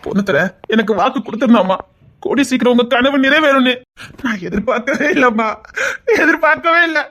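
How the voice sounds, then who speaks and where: A woman's voice: on the high side, fast, fairly bright tone, natural voice. Woman doing tearful village policeman. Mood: grateful. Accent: Tirunelveli Tamil. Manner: tearful, earnest, affectionate. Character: village policeman husband, emotional and devoted.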